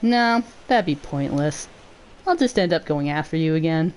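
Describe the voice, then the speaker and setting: A woman voicing a terse, aloof young male mercenary with a clipped, flat delivery. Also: low voice, normal speed, clear, resonant tone. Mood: cold.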